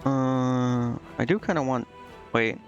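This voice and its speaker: A game streamer gives casual live commentary, thinking aloud indecisively and reading game text out. His mid-range voice moves at a slow pace, the sound is lo-fi, and game music plays in the background.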